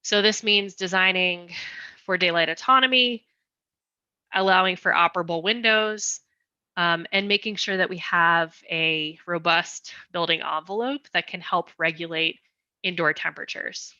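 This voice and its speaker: A woman presenting school design plans at a community meeting, explaining carefully and slowing her pace for translators. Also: on the low side, fairly even intonation, pushed and bright, dry recording, highs cut off.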